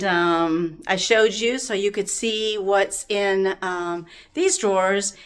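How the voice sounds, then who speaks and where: A woman chatting casually in a home vlog, full of fillers and encouragement, a little winded. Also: mid-range voice. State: slightly winded. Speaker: vlogger. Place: home bedroom, indoors.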